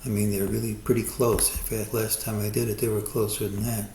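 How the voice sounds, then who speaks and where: A man with a lowish voice walks through a stock chart and lays out his market forecast. He talks in a measured, hedging way and weighs every possibility. The recording has a roomy echo and a faint hum of ambience behind it. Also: level tone, creaky, mellow. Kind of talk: chart analysis monologue.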